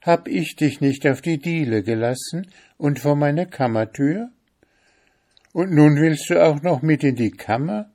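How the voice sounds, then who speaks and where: An indignant young girl from a storybook, as a man reads her part, her voice pushed high and loud. She scolds in a raised, exasperated tone yet stays kind-hearted. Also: animated, measured pace. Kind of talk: storybook reading.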